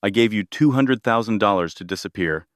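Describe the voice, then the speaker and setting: A man's voice: lowish voice, fairly quick, dry recording, studio quality, close to an everyday voice. A man reading a spiteful rich matriarch. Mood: scornful. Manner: contemptuous, scolding. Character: spiteful, wealthy older woman, enraged.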